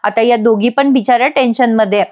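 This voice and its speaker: A woman's voice: a little high, fairly quick, a little mellow, lo-fi sound. A woman giving a voice-over recap of a TV serial episode, chatty and emphatic, addressing viewers directly. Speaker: TV serial reviewer.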